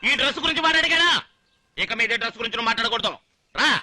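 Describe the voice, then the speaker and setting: An actor playing a vain, anxious young groom who pleads and whines comically in a dubbed film scene. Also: male voice, very high voice, lively intonation, racing, sharp tone, a little hiss or hum, heavily acted.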